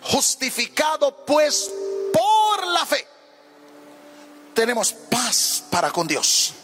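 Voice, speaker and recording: A man's voice: very high-pitched, huge pitch swings, takes it slowly, a bit bright, faint music behind. A man preaching a fervent sermon as a pastor, often lifting his phrases into a half-sung cadence.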